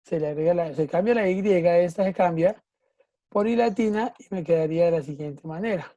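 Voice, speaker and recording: Patient woman teacher, low mellow voice. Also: brisk, no room sound, muffled recording. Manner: patient, checks understanding often with "¿sí?" and "¿listo?". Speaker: English teacher. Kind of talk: online class explanation.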